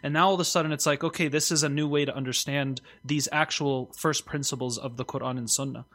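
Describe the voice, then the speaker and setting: A man's voice: mid-range voice, steady tone, quick pace, a bit bright. A man hosting a podcast conversation, responding in an easy conversational way. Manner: conversational, builds on the guest's points.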